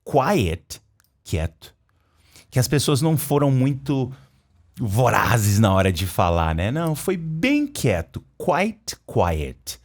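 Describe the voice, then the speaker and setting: A man from Brazil runs an English lesson in Portuguese. His pitch swings widely as he talks. He keeps stopping to say English phrases slowly so his learners can copy them. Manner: lively, repeats English phrases slowly to model pronunciation. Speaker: English teacher.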